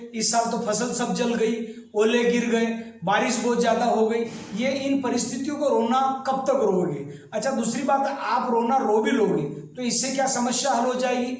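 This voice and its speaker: A man giving a motivational talk, lively and direct, often acting out the complaints of the people he describes. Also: extremely high pitch. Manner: lively, mimics complainers in quoted asides. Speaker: motivational speaker. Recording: very echoey, far from the mic.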